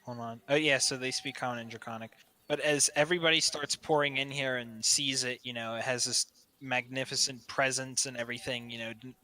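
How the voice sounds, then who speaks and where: Bright-voiced man running a tabletop game. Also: mid-range voice. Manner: halting, improvising. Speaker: game master. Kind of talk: casual tabletop game narration.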